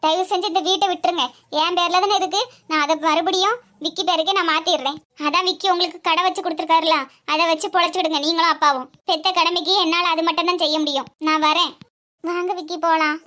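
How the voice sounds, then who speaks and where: A woman doing a high-pitched defiant young bride. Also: steady tone, fast talker, bright, forceful tone. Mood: firm. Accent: Tirunelveli Tamil. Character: earnest young bride defying her mother. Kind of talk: cartoon comedy voice acting.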